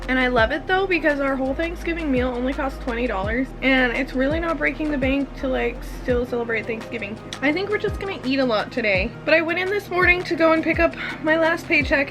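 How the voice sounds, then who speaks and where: Young american woman, high voice, chatty upbeat vlog from inside a small trailer, music behind her. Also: animated, a little fast, few pauses. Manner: upbeat, informal, thinking out loud. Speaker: vlogger.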